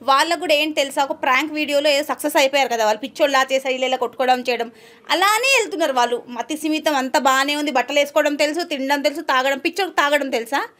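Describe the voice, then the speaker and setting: A woman's voice: sits high, rapid-fire, fairly bright tone. A woman speaking as an interview guest, arguing with rhetorical questions. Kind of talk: heated interview talk.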